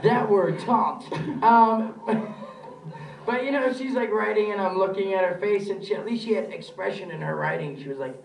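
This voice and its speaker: A man's voice: sits high, normal speed, creaky, a little hiss or hum. A man rambling through a story on a live comedy podcast, giggling and acting out what others said. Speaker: podcast co-host. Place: live stage before an audience. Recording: roomy and distant live-stage sound.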